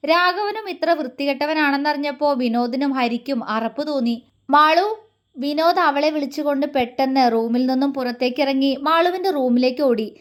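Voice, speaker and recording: A woman storyteller narrating a dramatic romantic story in an emotive, expressive reading. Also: sits high, normal speed.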